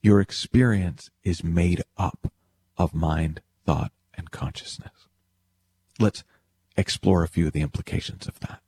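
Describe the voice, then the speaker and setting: Deep, dark and husky, the man's voice moves at an unhurried pace. He's giving a motivational talk on spiritual principles, explaining ideas directly to the listener and punctuating them with emphatic phrasing and rhetorical questions.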